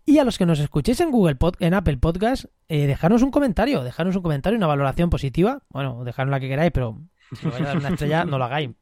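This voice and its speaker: A man from co-hosting a casual podcast, chatty, repeating words and filling pauses with "eh". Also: fairly high pitch, animated, a little mellow, no echo, clean studio sound. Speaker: podcast co-host.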